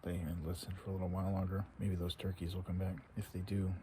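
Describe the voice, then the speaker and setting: A man with a deep, low voice narrates a solo camping vlog. He muses casually and without hurry, as if thinking aloud. The recording is made outdoors, with light ambient noise behind him. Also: monotone, warm tone. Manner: unhurried, musing, talking to himself. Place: outdoors at a woodland campsite and in a tent.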